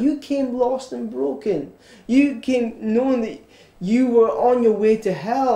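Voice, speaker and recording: Man, high voice, mellow tone, earnest pastor preaching, echoey church room. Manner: earnest, repetitive preaching with stammered restarts. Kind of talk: sermon.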